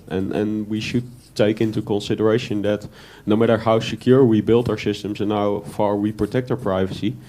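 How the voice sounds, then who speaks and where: A man's voice: on the low side, mellow. A man making a spontaneous remark from the floor at a conference, often repeating and restarting his words. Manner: frequent repetitions and restarts. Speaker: conference participant. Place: conference room.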